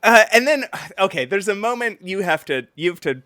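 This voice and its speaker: Male podcast co-host, lively pitch, rambling casual delivery, dry close sound. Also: fairly quick, no echo. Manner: rambling, full of "like" and restarts. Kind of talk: casual comic-book chat.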